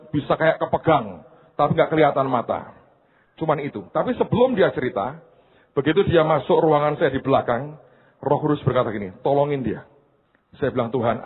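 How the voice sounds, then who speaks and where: A man's voice: on the high side, breathy edge. A male pastor giving a sermon, exhorting with rising emphasis and retelling a story to the congregation. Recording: tinny phone-like sound.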